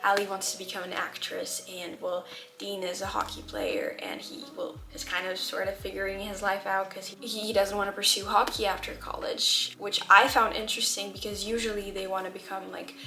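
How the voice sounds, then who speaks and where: A young book vlogger who isn't a native English speaker chats candidly to camera from a room at home, using lots of fillers. Her mid-range voice has a moderate pace and a reverberant sound.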